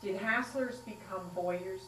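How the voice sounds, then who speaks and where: A woman's voice: medium pitch, takes it slowly, a bit bright. A woman interviewing an elderly local, prompting her with encouraging follow-up questions. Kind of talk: oral history interview. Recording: echoey room, distant mic, faint hum.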